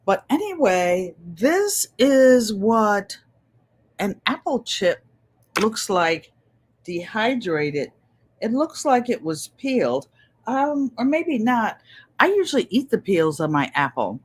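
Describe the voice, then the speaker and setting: A woman's voice: fairly high pitch, very animated, slow, a little hiss or hum. An older woman hosting a craft livestream, chatting casually and reading viewer comments aloud, with an easy laugh. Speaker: craft channel host on a livestream.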